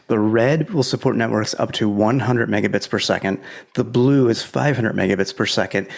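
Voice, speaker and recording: A man co-hosting a tech podcast, explaining product choices in a relaxed, opinionated way. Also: mid-range voice, vocal fry. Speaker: podcast co-host. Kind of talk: casual tech advice chat.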